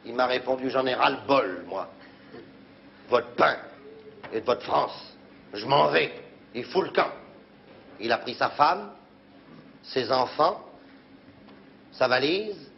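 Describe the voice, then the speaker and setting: Slow-telling man on an old dull recording. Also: mid-range voice, animated, vocal fry, slight background noise. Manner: slow, deliberate storyteller. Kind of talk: comic storytelling.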